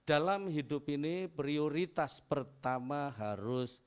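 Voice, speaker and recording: A man's voice: fairly high pitch, slow, clear, resonant tone. A middle-aged man preaching a chatty, anecdotal sermon as pastor, repeating phrases and calling for amens. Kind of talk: conversational sermon.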